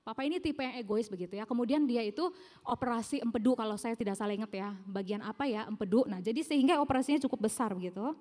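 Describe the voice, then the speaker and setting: A middle-aged woman preaching a sermon, telling her own story in an animated way and acting out the voices of people she quotes. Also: on the high side, fast talker. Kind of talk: sermon with personal testimony. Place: large church hall. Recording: long church hall reverb.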